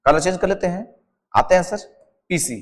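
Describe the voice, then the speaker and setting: A man with a Jharkhand Hindi accent, his voice high and his pace moderate, teaches an exam-prep lesson at a whiteboard using a mnemonic, and a long reverb tail follows his words. He quizzes the class by drilling answers as questions and repeating each term again and again. He keeps addressing the students with a respectful "sir."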